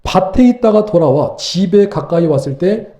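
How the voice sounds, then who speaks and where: A man preaching a sermon as pastor, animated and full of rhetorical questions. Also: high-pitched, normal speed, roomy sound. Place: church sanctuary.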